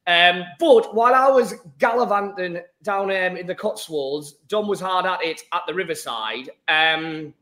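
A man with a croaky, slightly hoarse voice hosting a casual sports chat in a chatty, joking way. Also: high voice, measured pace, few pauses, fairly bright tone. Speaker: podcast host.

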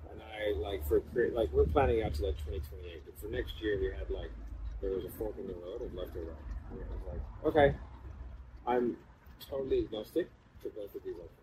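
Guy with a lowish voice just rambling casually on a podcast, pretty noisy behind him. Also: brisk. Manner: rambling and informal, with casual swearing. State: cold, in an ice bath. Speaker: podcast speaker. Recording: clearly noisy background hum.

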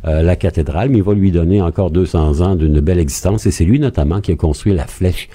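A man with a Quebec French accent, a historian guest telling history in a lively, expressive way on a radio interview. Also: quick pace, breathy edge. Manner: lively, expressive storyteller with wide pitch swings.

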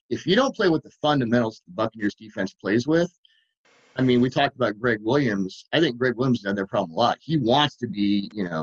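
A man co-hosting a football podcast, rambling eagerly through plays and laughing as he goes. He talks at a medium pitch. His audio sounds dull and lo-fi. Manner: excitable, rambling, quick to laugh. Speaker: podcast co-host, football writer. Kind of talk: casual podcast chat.

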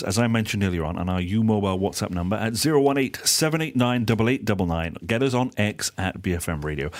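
A man hosting a talk radio show in a chatty, informal, joking way. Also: on the low side. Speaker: radio host. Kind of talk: casual talk radio presenting. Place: radio studio.

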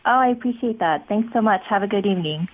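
A woman real estate agent calling in to a radio show over a landline phone, chatting upbeat and pitching a listing. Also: animated, fast, crowd noise. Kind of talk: casual radio phone-in chat. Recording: tinny phone line with clear line noise.

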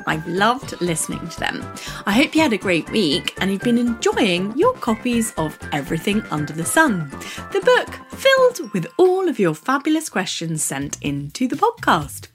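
A woman presents a children's podcast with a highish voice that swoops up and down dramatically. She sounds bright, curious and enthusiastic as she addresses young listeners, with faint music present.

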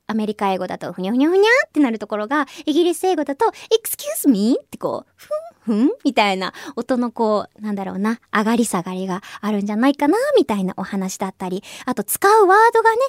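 A woman's voice: sits high, no room sound, clean studio sound. A Japanese woman hosts a radio show, switching between English with a Japanese accent and Japanese. She stops often to search for words, with many fillers. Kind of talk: casual talk in English and Japanese.

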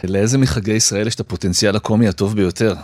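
Low-voiced male radio interviewer, dry sound. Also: fairly even intonation, darkish tone, dry recording. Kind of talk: casual interview chat.

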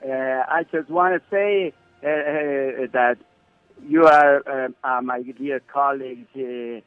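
Man putting on a halting foreign correspondent, phone line. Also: mid-range voice, clear, resonant tone, dry recording, close to an everyday voice. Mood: halting, earnest. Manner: halting, stammering, repeats words. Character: bumbling male British correspondent with halting, accented Spanish. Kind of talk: comic mock radio news report. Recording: thin phone-like line, music behind.

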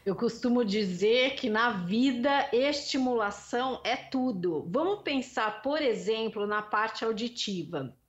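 A woman's voice: on the high side, expressive, a little slow, hardly any pauses. Woman guest expert, didactic explainer, muffled recording. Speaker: speech therapist guest. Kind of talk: explanatory conversation. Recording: dull, muffled sound.

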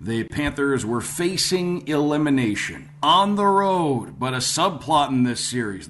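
Male sports radio host, mid-pitched voice. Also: fairly bright tone, slight background noise. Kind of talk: conversational sports radio presenting.

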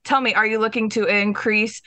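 A woman's voice: medium pitch, fairly even intonation, fairly quick, pushed and bright, no room sound. A woman on a marketing team, talking casually and often filling with "like" and "you know". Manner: chatty, lots of "like" and "you know". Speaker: campaign team member. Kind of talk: casual podcast chat.

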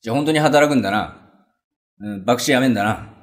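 A man playing a blustering male burglar in a rakugo story, talking in rough, gruff street speech. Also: mid-range voice, fast talker, lightly acted. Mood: lecturing. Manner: rough, gruff Edo-style street talk.

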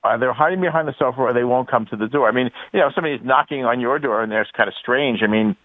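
A man's voice: mid-range voice, fast, dry recording, narrow, tinny audio. A man speaking as a guest on a radio talk show by phone, rambling with many fillers. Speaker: guest and candidate.

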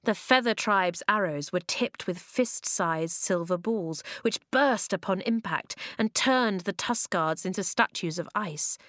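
A woman narrating a children's storybook in an expressive way, slowing down for dramatic moments, on a close studio mic. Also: medium pitch, no room sound. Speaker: audiobook narrator. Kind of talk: storybook reading.

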